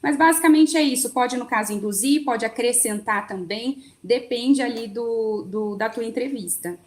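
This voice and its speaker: A woman's voice: on the high side, normal speed. Woman explaining sales casually. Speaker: sales co-trainer.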